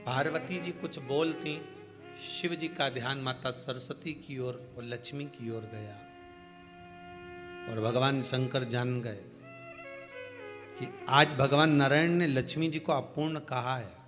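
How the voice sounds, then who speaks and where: A man's voice: medium pitch, fairly even intonation, slow pace. A man telling a devotional story as a sermon, emphatic, often asking his listeners rhetorical questions. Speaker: religious storyteller. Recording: long hall reverb, faint music.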